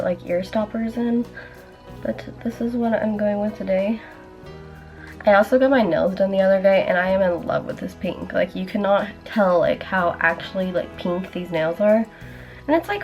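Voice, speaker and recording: A young woman vlogging in a casual, chatty way, filling her talk with "like", her voice still rough from the morning. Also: medium pitch, highs cut off. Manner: chatty, many "like" fillers. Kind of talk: casual vlog chat. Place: indoors at home, then a hospital.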